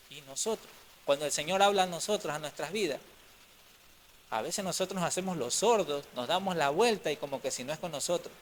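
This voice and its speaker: A male pastor preaching a sermon, moving from loud emphatic lines to quiet, hushed ones. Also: on the high side. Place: church.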